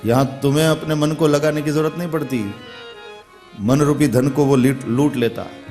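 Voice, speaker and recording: A man's voice: on the high side, steady tone, moderate pace, darkish tone, faint music behind, lightly acted. A male preacher acting out a weeping wandering ascetic who earnestly warns travelers away, as part of a story told in a sermon. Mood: urgent warning. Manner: urgent, earnest warning.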